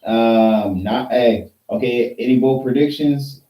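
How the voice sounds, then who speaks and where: A man's voice: medium pitch, slow, warm tone. A man co-hosting a podcast, laid back and thinking aloud as he lists his football picks. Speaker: podcast co-host. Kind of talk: casual sports chat. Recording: roomy echo, mic at a distance.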